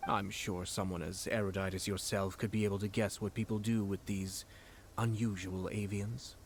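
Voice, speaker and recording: A man voicing a calm young noble commissioner in an anime-style game, measured and eloquent, politely condescending. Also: fairly low pitch, slight background noise, natural voice. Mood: wry, teasing.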